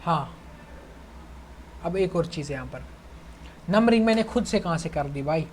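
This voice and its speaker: A man's voice: on the high side, lively intonation, normal speed, a little hiss or hum. A young man teaching chemistry in a casual online lecture, chatty, calling his students "bhai" and checking that they follow. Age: young adult. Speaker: chemistry tutor.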